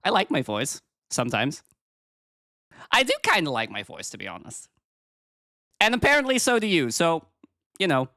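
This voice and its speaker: A woman's voice: low-pitched, big pitch swings, normal speed, vocal fry, pauses often, sharp tone, no echo, clean studio sound. A woman with a cute, cheery anime-streamer delivery, chatting casually with viewers on a livestream as a VTuber.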